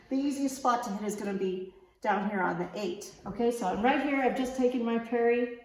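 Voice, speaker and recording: Her voice is medium in pitch with a darkish tone as she teaches fencing, demonstrating each step of the technique. She stays informal, asking "okay?" to check that students follow, and the large room is very echoey.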